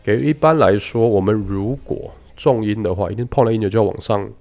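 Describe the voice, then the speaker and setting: A man teaching English pronunciation in a lesson, explaining patiently and demonstrating words slowly. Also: fairly low pitch, a little mellow, highs cut off, faint music behind. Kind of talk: radio-style English lesson.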